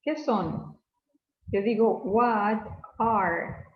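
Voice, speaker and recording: Slow, patient woman teaching English words. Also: mid-range voice, reverberant, muffled recording, noisy background. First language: Spanish. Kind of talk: recorded online class lesson.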